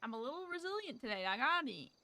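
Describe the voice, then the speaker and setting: A woman's voice: sits high, very animated, quick pace, pushed and bright, heavily acted. A woman streamer playing a blunt, teasing mother who laughs often in a casual role-play chat. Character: teasing, swearing mother of a grown daughter.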